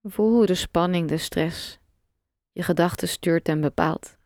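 A woman guiding a relaxation meditation, giving slow, calm, soft instructions with long pauses. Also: on the low side, dry recording, studio quality. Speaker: meditation guide.

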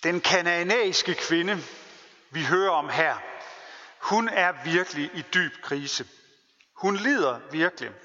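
Lively, bright-voiced man preaching a sermon. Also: fairly high pitch. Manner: earnest, deliberate, with emphatic repetitions. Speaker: pastor. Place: church. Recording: long church reverb, dull lo-fi sound.

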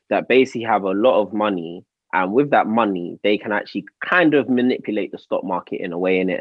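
A young man co-hosting a podcast casually explains and chats, spelling out his points in London urban roadman slang and accent. His voice is on the low side, and the recording is muffled with no echo.

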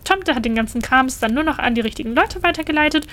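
A woman's voice: high-pitched, lively intonation, fast, a bit bright. A woman voicing a cheerful, clever young male Christmas elf who talks in a breezy, boastful way.

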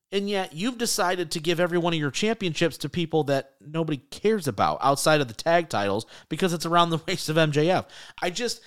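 Animated ranting man on a podcast. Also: sits high. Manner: ranting, exasperated, profane. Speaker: podcast co-host. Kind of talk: casual sports chat.

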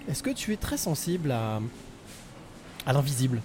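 A man's voice: medium pitch, sing-song, moderate pace, a little mellow, a little hiss or hum. A male host interviewing a guest, reworking his questions as he asks them. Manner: probing, rephrases questions. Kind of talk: podcast interview.

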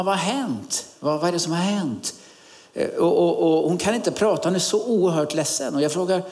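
A middle-aged man from Sweden preaches in a church, his voice sitting somewhat high for a man. He talks haltingly, full of fillers, then lifts into sudden emphatic rises. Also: darkish tone. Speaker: guest preacher. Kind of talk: sermon.

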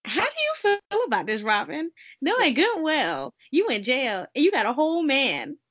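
A young woman hosts a casual podcast in a brash, profane, teasing way. Her voice sits a little high and swings widely in pitch. The audio is dull and lo-fi. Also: huge pitch swings, normal speed, a bit bright. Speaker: podcast host.

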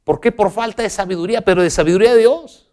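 Guy preaching a sermon, kinda high voice, asks you stuff directly, goes quiet then fired up. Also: fast talker.

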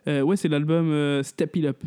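A man co-hosting a casual chat, quick and chatty, piling on details. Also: on the high side, steady tone, mellow, smooth. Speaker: podcast co-host.

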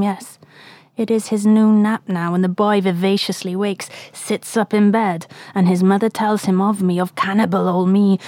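A woman's voice: mid-range voice, a little mellow, dry recording, natural voice. A woman voicing a weary, obsessed old whaling captain in anguished, archaic soliloquy for an audiobook. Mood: wistful. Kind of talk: dramatic audiobook reading.

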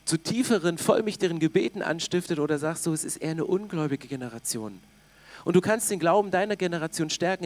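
Earnest higher-voiced German-speaking pastor. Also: male voice. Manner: earnest, restarts phrases, reads Bible passages aloud. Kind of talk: sermon. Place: church hall with congregation.

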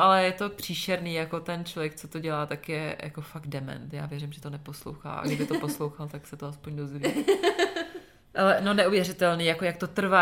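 A woman's voice: sits low, a bit bright. A woman in her thirties with a Czech accent, co-hosting a podcast in casual chat, telling stories with frequent laughs and casual swearing. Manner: chatty storyteller, laughs often, swears casually. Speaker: podcast co-host.

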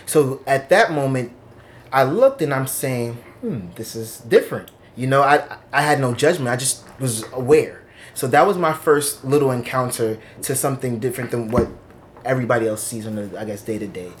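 A man in his thirties from Long Island, New York, is interviewed for an oral history in an office. He speaks candidly and reflectively in a mid-range voice at normal speed, with a little hiss or hum in the recording.

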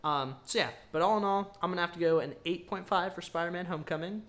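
A man's voice: high voice, fast talker, a bit bright. A man co-hosting a podcast, giving a casual, rambling movie review full of ums and emphatic verdicts. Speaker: podcast co-host.

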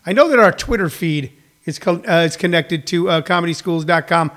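Guy with a high pitched voice hosting a radio show, rambles and stumbles along, pokes fun at himself. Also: a bit bright. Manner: digressive, self-deprecating, halting. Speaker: host of a daily live streamed comedy radio show. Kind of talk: casual, rambling chat to listeners.

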